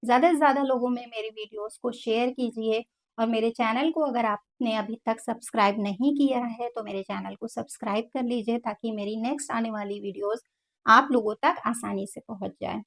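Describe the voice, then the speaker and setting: Speaking a little fast in a voice on the high side, a woman teaches Quran recitation in a slow, step-by-step tajweed lesson. She spells each letter out and then lengthens the long vowels.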